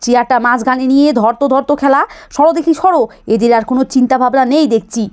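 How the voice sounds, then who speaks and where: A woman's voice: sits high, quick pace, a little mellow, clear, resonant tone, natural voice. A woman voicing a bossy, grumbling grandmother and mother-in-law in a doll cartoon, scolding and nagging.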